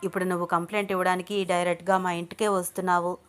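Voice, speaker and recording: A woman's voice: fairly low pitch, level tone, racing, fairly bright tone, lightly acted. A woman voicing a worried, chatty middle-aged mother on the phone in a told story.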